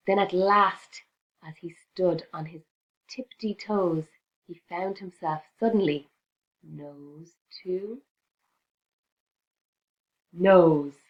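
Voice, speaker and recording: A woman reading a rhyming picture book aloud to children in an expressive, sing-song teacher's way. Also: fairly low pitch, extremely slow, long pauses, dull audio.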